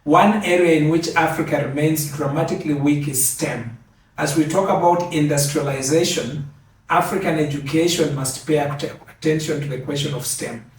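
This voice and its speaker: An older man from Kenya giving a measured, earnest acceptance speech, repeating key phrases for emphasis. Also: a little high. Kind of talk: formal speech. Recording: very echoey, from a distance.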